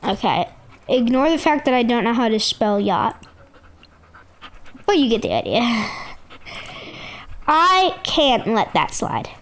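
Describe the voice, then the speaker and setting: A woman giving jumpy, excitable commentary over her own gameplay, often yelling at the game. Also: a little high, takes it slowly, pauses often, poor audio. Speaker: gaming video creator.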